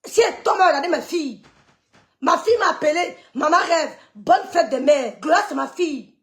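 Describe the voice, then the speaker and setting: Expressive and high-pitched, speaking at a normal speed, a middle-aged gossip streamer lashes out during her live broadcast. She berates the people she says are stirring things up, scornful throughout and clicking her teeth dismissively over and over.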